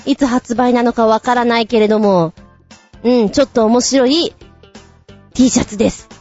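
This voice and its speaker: A woman hosting a radio show, chatting casually and giggling between quick asides while she reads listener messages. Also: on the high side, steady tone, a little mellow. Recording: muffled lo-fi with faint music.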